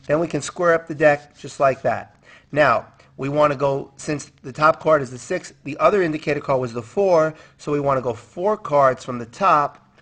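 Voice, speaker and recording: A man's voice: a little high, a bit bright. A man giving card magician patter, explaining a trick step by step as an instructor, counting and posing questions as he goes.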